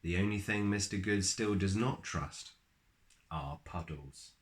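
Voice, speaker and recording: A low-pitched man gives a children's picture book an expressive, storyteller-style reading. He holds dramatic pauses and drags out words.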